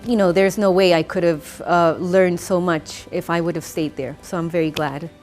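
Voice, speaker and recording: A woman's voice: on the low side, steady tone, normal speed, darkish tone, faint music behind. A young woman from Rica, speaking English in a thoughtful testimonial with frequent fillers and restarts. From Costa Rica. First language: Spanish. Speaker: master's graduate. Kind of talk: testimonial interview.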